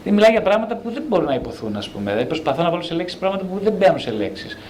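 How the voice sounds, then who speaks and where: A male psychotherapist speaks in a lively, swooping voice that sits fairly high. He is colloquial and animated, posing questions and knocking them down in the same breath. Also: a little hiss or hum. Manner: animated, asks himself rhetorical questions, very colloquial. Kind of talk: talk on self-knowledge.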